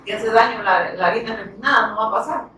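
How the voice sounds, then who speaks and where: A woman preaching a sermon who asks her congregation questions and answers them herself, her voice rising loud for emphasis and dropping to soft asides. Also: fairly high pitch, fast talker. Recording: very echoey hall from far off, faint noise.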